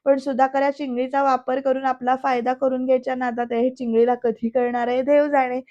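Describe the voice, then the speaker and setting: A woman's voice: sits high, flat delivery, brisk, warm tone, lo-fi sound. A woman narrating a casual, chatty voice-over recap of a TV serial, speaking directly to viewers.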